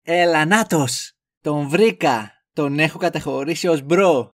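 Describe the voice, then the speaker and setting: A man's voice: a little high, close to an everyday voice. A clueless, fussy young man who dithers and rambles, played by a man. He sounds goofy and oblivious, with an ordinary mid-range voice. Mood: dithering.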